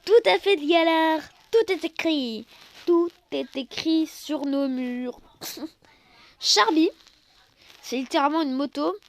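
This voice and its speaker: A woman running a card-collecting channel reviews a new set in casual, exclamatory commentary, playful and poking fun at herself. Her high voice moves slowly, sometimes getting loud and then dropping to soft asides.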